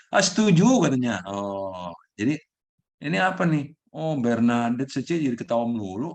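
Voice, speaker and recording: A middle-aged man hosting a mindfulness session, teaching casually with many fillers and sudden high-pitched bursts when acting people out. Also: big pitch swings, normal speed, creaky. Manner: fillers and restarts, laughs often.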